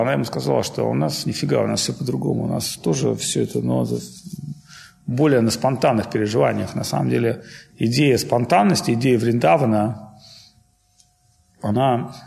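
A man's voice: mid-range voice, gravelly, darkish tone. A man giving an informal spiritual lecture, talking loosely and digressively with many fillers and self-corrections.

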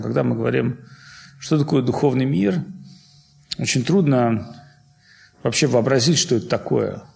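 A man's voice: medium pitch, gravelly. A man giving an informal spiritual lecture, talking loosely and digressively with many fillers and self-corrections.

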